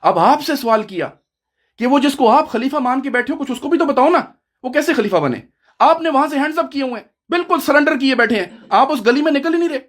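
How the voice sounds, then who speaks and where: A man's voice: very high voice, animated. Male debater, combative and preachy, talks over the other side in a heated online debate.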